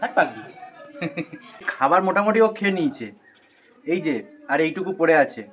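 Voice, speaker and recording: At a village home in the rain, partly outdoors, a young West Bengal man films a casual vlog on his phone, chatting and coaxing his small daughter. His voice runs on the high side with a sing-song lilt at a moderate pace, against background noise.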